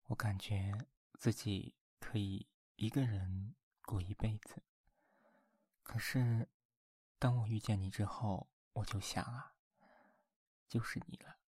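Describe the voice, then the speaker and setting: Male actor as tender teasing boyfriend, binaural ASMR role-play: very slow, soft and mellow, intimate at the ear. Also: on the low side, fairly even intonation, breathy edge, no room sound, full character voice. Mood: tender, devoted. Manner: intimate binaural murmur close to the listener's ear; slow, coaxing, playful. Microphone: very close binaural microphone, dry.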